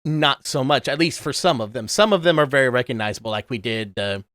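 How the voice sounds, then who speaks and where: A voice impressionist in his thirties is interviewed, chatting casually and animatedly and dropping into cartoon voices. He speaks at medium pitch and a little fast, on a dry, studio-quality recording.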